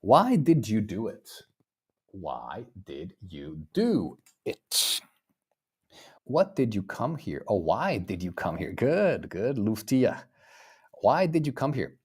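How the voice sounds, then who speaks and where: A man's voice: on the low side, breathy edge. A man in his thirties teaching a live online English lesson. He keeps praising his students and drills phrases by repeating them. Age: 30s. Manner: encouraging, praises students often.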